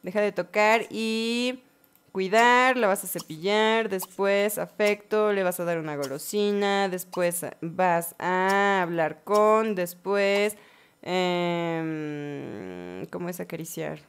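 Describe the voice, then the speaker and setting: A woman's voice: medium pitch, slow, smooth. Chatty woman narrating gameplay. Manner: chatty, talks to her game characters, bursts of excited exclamations. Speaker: gaming channel host. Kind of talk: casual let's-play commentary.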